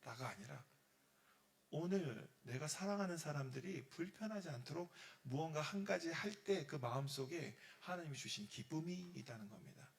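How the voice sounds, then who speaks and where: A man, a pastor, giving a sermon to a youth group, acting out prayers and God's words in sudden loud bursts. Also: fairly high pitch, expressive, moderate pace, creaky.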